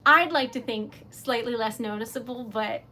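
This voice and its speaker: Her pitch fairly high and her tone pushed and bright, this Rhode Island-accented woman from New England talks at a moderate pace while crafting on a livestream. She rambles, laughs a lot and chats with her viewers over a little hiss or hum.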